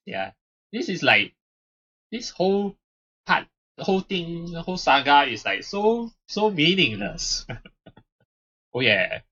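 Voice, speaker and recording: A man's voice: fairly high pitch, husky, muffled recording. A man giving casual, exasperated commentary while playing a visual novel, ranting and laughing. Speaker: let's play host. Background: loud game music.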